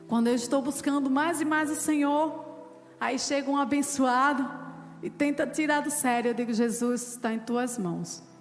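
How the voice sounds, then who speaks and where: A woman pastor preaches fervently, weaving personal testimony into her sermon. Her voice sits fairly high and carries a long reverb through the church hall. Soft music plays underneath. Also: fairly even intonation, normal speed.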